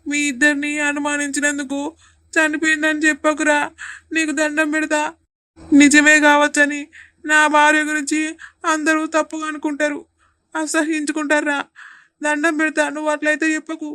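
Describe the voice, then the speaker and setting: A woman's voice: sits high, completely flat delivery, normal speed, pushed and bright. A woman voicing a sobbing young village husband. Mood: grieving. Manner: pleading, tearful and repetitive. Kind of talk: cartoon voice acting.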